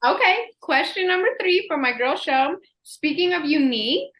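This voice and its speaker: A woman's voice: high-pitched, expressive, normal speed, a bit bright, poor audio. A young woman co-hosting a vlog, chatting casually and in slang with a friend. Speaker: vlog co-host. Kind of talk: casual chat Q&A between friends.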